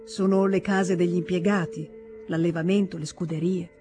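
A woman's voice: on the low side, steady tone, moderate pace, over music, lightly acted. A woman reading an audiobook, voicing a tender young noblewoman who speaks in an earnest, confiding way. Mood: fond. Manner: earnest, confiding, gently pleading. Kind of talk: audiobook character voice.

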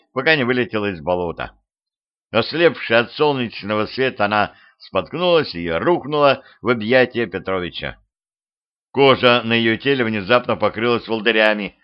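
A man reading a humorous spooky audiobook in a steady, even storytelling manner, recorded at home with dull lo-fi sound. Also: medium pitch. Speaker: audiobook narrator. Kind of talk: scripted narration.

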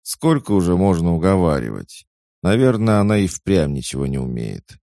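Guy doing a sarcastic grumpy ghost maid, pitched up, dry sound. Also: big pitch swings, normal speed, gravelly, darkish tone, no echo, exaggerated voice. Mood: grumbling. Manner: grumbling, sarcastic.

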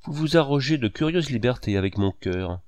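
A man's voice: medium pitch, expressive, a little fast, darkish tone, no echo, pitched above the performer's own voice, lightly acted. A man reading aloud, voicing a proud young writer who speaks with sarcasm and bitterness. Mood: reproachful.

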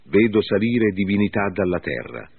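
A man's voice: lowish voice, big pitch swings, moderate pace, gravelly, husky, exaggerated voice. A man voicing a frightened woman medium, in a wary plain reading. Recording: phone-like lo-fi with faint music.

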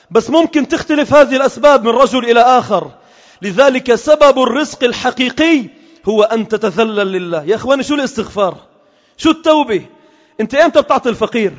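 Guy preaching a friday sermon, really high voice, long echo off the mosque hall. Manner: impassioned, rhetorical questions, mixes formal and colloquial speech. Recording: lo-fi recording with long hall reverb.

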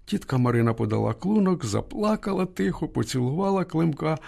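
A man narrating a literary story in a measured, expressive way. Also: a little high, gravelly. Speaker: audiobook narrator.

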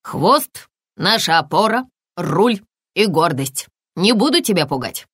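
A woman's voice: on the low side, very animated, unhurried, a bit bright, slightly rough, no room sound, studio quality, full character voice. A woman voicing a stern, wise male woodpecker in a storybook, with a firm, lecturing manner.

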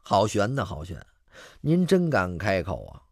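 Man voicing a meek poor vendor, pleading, resigned, lively pitch swings. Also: measured pace, husky, no room sound, clean studio sound, exaggerated voice. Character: poor weak male street vendor, meek.

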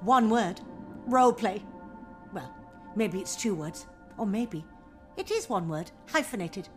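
A woman's voice: medium pitch, expressive, measured pace, a little mellow, faint music behind, natural voice. A woman acting a bossy, dithering leader of a role-play group in a sitcom.

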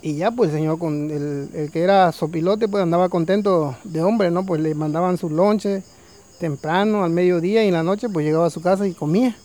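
A man's voice: high-pitched, brisk, dark tone. A man telling traditional folk tales in a loose, conversational way, full of fillers. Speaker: storyteller. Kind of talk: oral folk storytelling.

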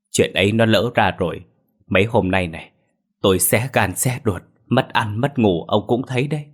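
A man's voice: on the low side, husky. A man voicing an anxious older mother who pleads and wails for her daughter. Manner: pleading, wailing.

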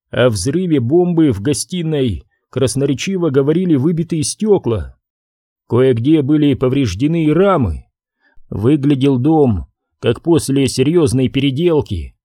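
A man reading a crime novel aloud as an audiobook, in a measured, expressive narration. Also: mid-range voice, no room sound, clean studio sound. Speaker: audiobook reader. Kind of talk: scripted narration.

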